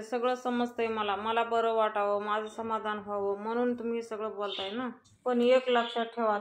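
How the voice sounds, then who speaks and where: A woman's voice: on the high side, slight background noise. A woman narrating a recap of a television serial episode, reading out the characters' lines with mild emphasis. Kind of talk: storytelling recap with voiced quotes.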